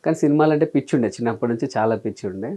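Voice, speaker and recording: A man's voice: medium pitch, racing. A man, a comedian telling his story in a casual interview and acting out his own past remarks. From Telangana, India. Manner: animated, acts out his own past remarks in quoted asides. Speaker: comedian and mimicry artist, interview guest.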